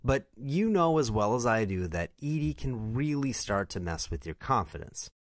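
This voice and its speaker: A man's voice: medium pitch, no room sound, studio quality. A man reading a scripted first-person story in a confessional tone.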